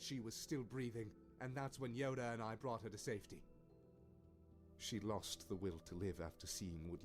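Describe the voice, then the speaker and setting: A man voicing a calm, sorrowful older Jedi mentor who speaks softly to his former student. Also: lowish voice, close to an everyday voice.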